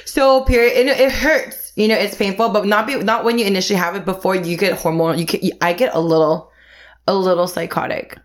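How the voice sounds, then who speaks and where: A woman's voice: mid-range voice, fairly even intonation, brisk. Young woman hosting a podcast chat, giggly and frank, talks a lot. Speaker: podcast host. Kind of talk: casual chat.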